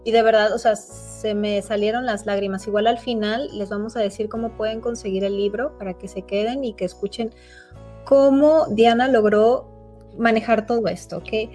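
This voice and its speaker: A woman's voice: fairly high pitch, steady tone, moderate pace, a little mellow, soft background music. A woman hosting a friendly interview, asking engaged questions. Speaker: host.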